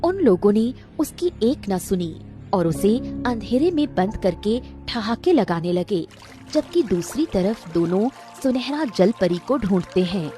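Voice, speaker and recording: A woman narrating a children's cartoon story in an expressive, dramatic way. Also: mid-range voice, a little slow, faint music behind.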